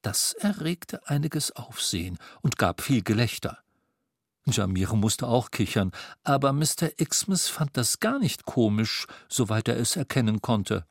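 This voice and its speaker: A man narrating a storybook in an expressive storytelling manner. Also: mid-range voice, measured pace, no echo, clean studio sound. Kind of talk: audiobook narration.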